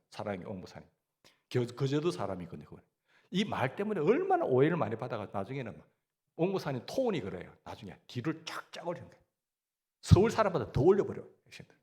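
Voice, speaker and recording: Animated Gyeongsang pastor preaching. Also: male voice, mid-range voice. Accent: Gyeongsang Korean. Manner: animated, asks the congregation questions and answers them. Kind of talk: sermon.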